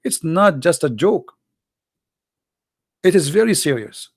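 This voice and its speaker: In a slow, gravelly, husky voice that is a little high with big pitch swings, a man with an Arabic accent delivers an impassioned informal monologue to an online audience. A host and religious polemicist, he is emphatic and blunt, repeating phrases and asking rhetorical questions, recorded with studio quality and no room sound.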